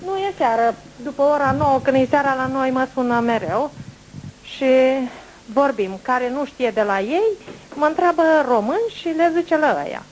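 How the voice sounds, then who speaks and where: A middle-aged woman, telling a long rambling story to a group in a room, in animated, folksy regional speech. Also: high-pitched, slight background noise, low-quality recording. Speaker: clairvoyant speaking to a group. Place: indoor meeting room, standing before a seated group.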